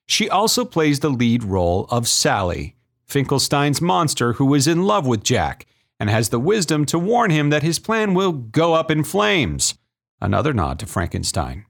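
A man's voice: medium pitch, gravelly, fairly bright tone. A man hosting a film music show, giving enthusiastic scripted analysis in a chatty, emphatic, appreciative way.

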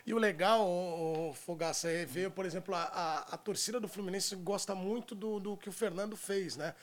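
High-pitched, chummy Brazilian male host. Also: moderate pace. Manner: effusive, chummy. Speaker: show host. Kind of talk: casual sports interview chat.

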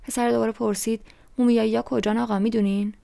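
A woman's voice: on the high side, level tone, gravelly, mellow, dry recording. A woman voicing a cheeky little boy who keeps asking questions eagerly in an audiobook. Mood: insistent.

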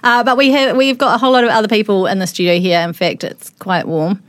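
A woman's voice: mid-range voice, steady tone, fast talker, no room sound. Informal New Zealand woman hosting a podcast. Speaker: podcast host and manager. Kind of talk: casual studio panel hosting.

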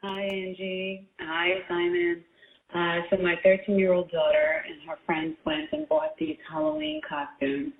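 A woman calling in to a radio show, her message played back as a phone voicemail, speaking hesitantly with pauses and fillers. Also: medium pitch, gravelly. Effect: voicemail played over a phone line. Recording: tinny, echoey phone voicemail.

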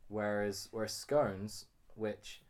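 Rambling British man, low voice. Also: steady tone, takes it slowly, darkish tone. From United Kingdom. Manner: rambling explainer, laughs often. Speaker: podcast co-host. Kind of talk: casual chat.

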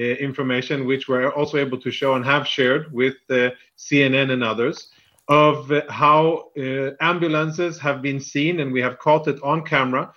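Over a band-limited remote link with lo-fi sound, a man with a mid-range voice speaks as a military spokesman in a live news interview. He is firm, deliberate and defensive.

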